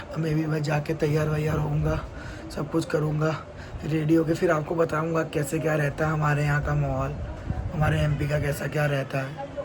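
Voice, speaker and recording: A young man chats casually into his phone camera at home, doubling words as he goes. His voice sits fairly high. Loud background noise runs under the phone recording. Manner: chatty, repeats words in pairs. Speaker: vlogger. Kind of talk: casual vlog chat. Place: family home on a rainy day.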